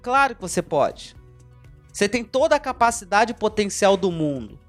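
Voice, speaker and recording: A man's voice: high-pitched, sing-song, normal speed, soft background music. A Brazilian man hosting a motivational podcast, emphatic and repetitive, speaking straight to the listener as a mentor. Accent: Brazilian Portuguese.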